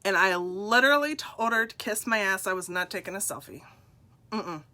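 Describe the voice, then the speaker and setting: Woman, 40s. Candid, self-deprecating storyteller speaking to camera with a bright, clear tone. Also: mid-range voice, animated, normal speed. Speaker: nurse and direct seller.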